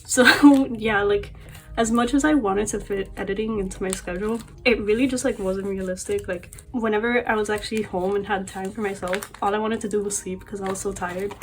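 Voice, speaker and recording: A young woman with allergies that make her voice a little off chats casually to camera about her collection and life, rambling with many fillers and laughs. She talks fairly quickly at medium pitch with fairly even intonation, over soft background music.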